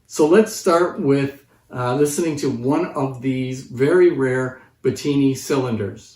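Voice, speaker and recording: Seated on a sofa in his living room, a man in his fifties who collects antique phonographs presents informally to camera, explaining things conversationally. His medium-pitched voice is unhurried and a little mellow, and the distant microphone makes the recording sound roomy.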